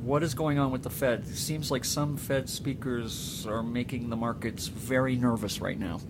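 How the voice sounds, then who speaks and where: A man's voice: mid-range voice, fairly even intonation, moderate pace, noisy background. A man hosting an interview, asking conversational questions of a guest. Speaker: host.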